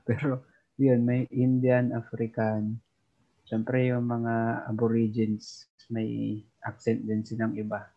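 A man's voice: medium pitch, completely flat delivery, slow, dark tone, lo-fi sound. A man from the Philippines, an overseas worker, chatting casually on a podcast and chuckling as he talks. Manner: chatty, chuckles while talking.

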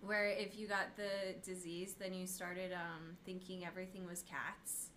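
A woman's voice: lowish voice, flat delivery, measured pace, fairly bright tone, slight background noise. Wry young woman podcast co-host. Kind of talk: casual chat.

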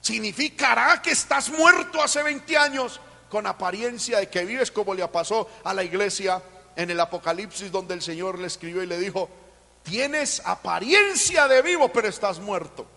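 A man preaching a sermon in with great fervor, swelling to shouts and then dropping low, often calling out "hermano" and "aleluya". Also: steady tone, normal speed, gravelly, big-room sound.

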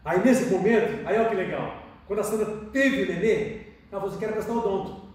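A man with a Brazilian Portuguese accent telling his life story as a podcast guest, animated and repeating phrases for emphasis. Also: high-pitched. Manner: rapid, animated, repeats phrases and acts out dialogue. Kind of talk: emotional personal storytelling in conversation. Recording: echoey room, distant mic.

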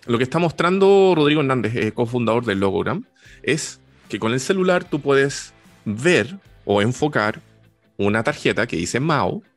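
A man's voice: medium pitch, sing-song, moderate pace, faint music behind. A man hosting an interview, curious and enthusiastic as he asks questions. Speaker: host. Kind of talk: casual interview chat.

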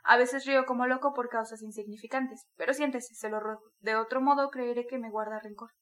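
A woman's voice: on the high side, steady tone, a little fast, fairly bright tone, lightly acted. A woman reading the lines of a sly, chatty middle-aged male magistrate who keeps pressing in an ingratiating way.

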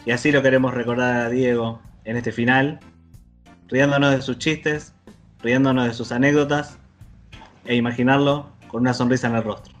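A man narrating a documentary in a calm, measured way. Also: mid-range voice, faint music behind. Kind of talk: scripted narration.

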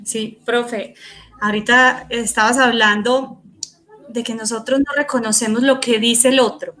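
A woman's voice: a little high, steady tone, measured pace, pushed and bright. A woman interviewing a teacher, talking in a reflective, conversational way and asking follow-up questions.

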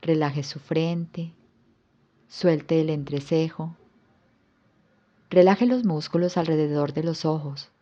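A woman yoga instructor guiding a yoga nidra relaxation with soft, calm instructions. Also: deep voice, slow pace, long pauses, muffled recording.

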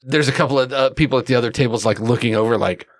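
A man's voice: medium pitch, rapid-fire, no echo. A man running a tabletop game as game master, narrating with many fillers and putting on voices for the characters.

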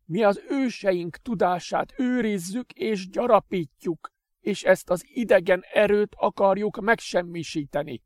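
A bitter, hateful young master who is already wasting away, as a man puts him on in a high, strained voice. He speaks slowly and loudly, full of scorn. The sound is dry and close. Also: no echo, lightly acted. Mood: defiant. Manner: shouting, slow and scornful.

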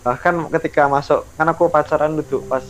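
A young man with a Javanese accent in a casual chat, animated, laughing often and trailing off as he searches for words. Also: on the high side, fairly quick.

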